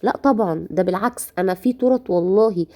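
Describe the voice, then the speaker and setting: Speaking at a quick pace in a dark, mid-range voice, an Egyptian Arabic-accented home baker addresses viewers directly through her cake decorating tutorial, hoarse and coughing now and then.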